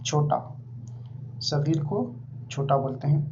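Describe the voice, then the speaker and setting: A man giving an informal vocabulary lesson, repeating each word slowly several times. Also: fairly high pitch, steady tone, darkish tone. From India. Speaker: language teacher. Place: living abroad in Saudi Arabia. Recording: dull lo-fi recording with faint hum.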